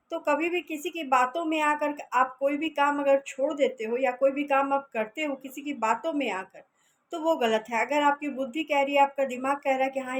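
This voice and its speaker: Woman motivational speaker, high voice, earnest and coaxing, plain chatty delivery. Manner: earnest, persuasive, tells a fable. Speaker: network marketing motivational speaker. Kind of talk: casual motivational talk.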